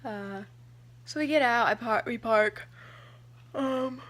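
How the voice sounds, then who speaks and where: A young woman vlogger telling a personal story to camera in a chatty, excited way, full of "like" and "um". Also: on the high side, slow pace. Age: young adult. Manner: chatty, excited, heavy use of "like" and "um".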